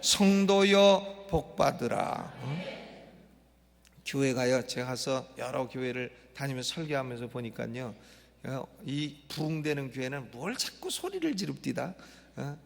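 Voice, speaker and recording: A middle-aged male pastor preaching an expository sermon, emphatic and repetitive, prodding the congregation with quick questions. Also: medium pitch, expressive, vocal fry. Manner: emphatic, repeats phrases, prompts the congregation with "eh?". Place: church sanctuary. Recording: long church reverb.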